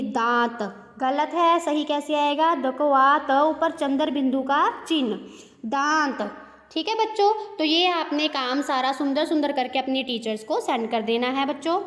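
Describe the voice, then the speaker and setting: A woman teacher giving an online class to children, slowly spelling out words letter by letter. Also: high voice, fairly bright tone. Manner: slow, spelling out word by word. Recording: echoey room with long reverb.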